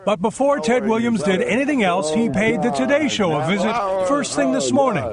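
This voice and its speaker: Man, TV news reporter, fairly high voice, very animated, crisp scripted narration. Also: a little fast, over a noisy crowd. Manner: crisp, punchy storytelling delivery.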